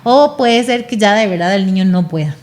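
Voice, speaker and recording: A woman's voice: medium pitch, expressive, normal speed, darkish tone. A woman speaking as a speech therapist guest on a podcast, explaining patiently and often checking in with "¿verdad?".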